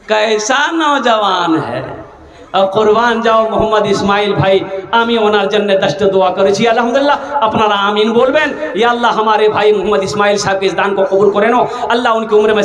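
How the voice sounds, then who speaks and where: A man's voice: high-pitched, echoey room. A man preaching at a fundraising gathering, making rhythmic appeals and teasing jokes. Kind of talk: fundraising sermon with humor.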